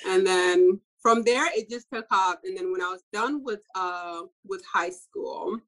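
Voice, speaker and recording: A young woman from Ethiopia, a fashion designer, giving a relaxed interview with frequent soft laughs and filler words. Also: mid-range voice, measured pace, rough recording. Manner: soft-spoken, laughs often, many fillers. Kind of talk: casual interview answers.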